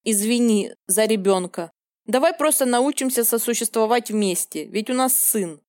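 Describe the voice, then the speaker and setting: A woman's voice: fairly high pitch, expressive, moderate pace, darkish tone, no echo, clean studio sound, lightly acted. Woman reading as a possessive jealous young man. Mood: placating. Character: jealous domineering young man, heroine's lover.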